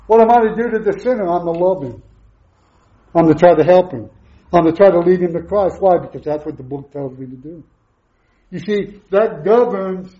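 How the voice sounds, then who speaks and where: Through a face mask, a middle-aged man with a high-pitched, warm voice preaches a sermon to a congregation in an echoey room. He's emphatic, firing off repeated questions with short answers, and the recording sounds roomy and slightly muffled.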